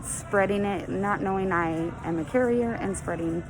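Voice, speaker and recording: A woman's voice: medium pitch, normal speed, music in the background. A woman chatting casually as a vlogger in a grocery store, her voice slightly muffled by a face mask. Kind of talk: casual shopping vlog chat. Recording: noisy store background.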